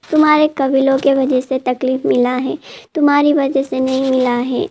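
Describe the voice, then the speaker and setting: A woman's voice: high voice, level tone, normal speed, darkish tone, a little hiss or hum. A woman reading the lines of a grieving, wounded young man who asks desperate questions. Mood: grateful. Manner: despairing, pleading questions.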